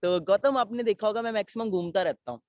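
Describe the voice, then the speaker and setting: A man's voice: high voice, fast talker, dry recording, lo-fi sound. A man hosting an online webinar panel over a video call, mixing Hindi and English in an upbeat, encouraging way. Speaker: webinar host.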